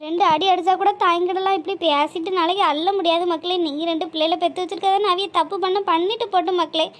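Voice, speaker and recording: Cartoon: a kindly older peacemaker, soft and pleading, very high. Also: female voice, fairly even intonation, quick pace. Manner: soothing, pleading.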